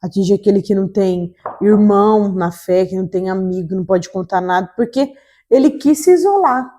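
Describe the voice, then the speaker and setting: Mellow-voiced woman encouraging listeners. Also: mid-range voice, a little fast. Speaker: podcast co-host.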